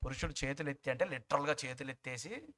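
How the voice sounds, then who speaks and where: A man's voice: mid-range voice, fast talker, a bit bright. A man preaching a sermon as pastor, asking the congregation questions, prompting them to answer, and mixing English words into his talk. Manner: mimics other people's remarks in quoted asides.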